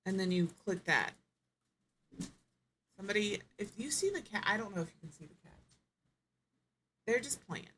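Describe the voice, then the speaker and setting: A woman's voice: mid-range voice, animated, normal speed, long pauses, fairly bright tone, slight background noise. A woman streamer giving casual live gameplay commentary, thinking aloud, musing and correcting herself as she goes.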